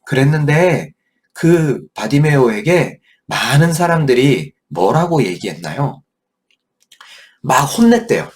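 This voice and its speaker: Middle-aged male pastor, animated children's storyteller, very lively intonation. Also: medium pitch, slow. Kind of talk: children's Sunday school Bible lesson.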